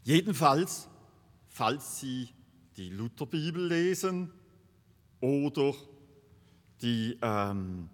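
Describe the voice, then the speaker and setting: Slow-preaching man in a reverberant church. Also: medium pitch, big pitch swings. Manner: slow, deliberate preaching with emphatic repetitions. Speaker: pastor. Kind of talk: sermon. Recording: long reverb of a church hall.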